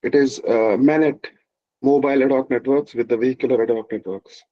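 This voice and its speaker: A man's voice: mid-range voice, fairly even intonation, a little fast, no room sound. A man from Kashmir with a Kashmiri accent, politely and deferentially asking questions as a participant in an online session. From Kashmir, India. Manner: courteous, deferential. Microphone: online call microphone. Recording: dull lo-fi online call audio.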